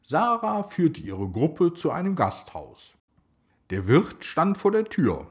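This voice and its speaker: A man narrating a children's story in a slow, expressive way. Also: on the high side.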